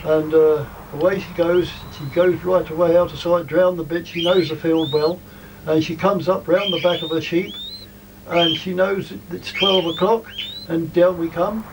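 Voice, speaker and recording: An older man explains his craft in an informal, plain-spoken and rambling manner. His voice sits a little high for a man. It is picked up from some distance outdoors, with faint noise around it. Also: fairly even intonation, moderate pace. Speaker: sheepdog trainer. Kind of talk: informal instructional commentary and advice. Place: outdoors in a field.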